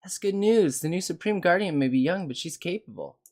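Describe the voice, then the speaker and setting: A man's voice: sits high, expressive, brisk, darkish tone, voice pushed up. A man reading aloud the lines of a chatty city resident who explains local matters.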